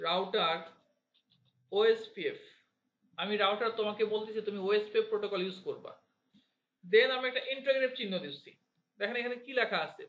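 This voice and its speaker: High-voiced man teaching in a roomy classroom. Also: bright, forceful tone. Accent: Bangladeshi Bengali. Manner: asks students questions and makes them repeat terms; counts digits aloud one by one. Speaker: networking instructor. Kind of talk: classroom lecture. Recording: roomy, slightly dull classroom recording.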